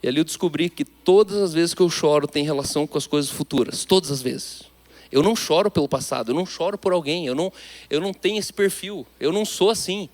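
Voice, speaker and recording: High-voiced Brazilian pastor preaching emphatically. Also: male voice, fast. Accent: Brazilian Portuguese. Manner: emphatic, with sudden swings between loud and hushed. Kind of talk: sermon.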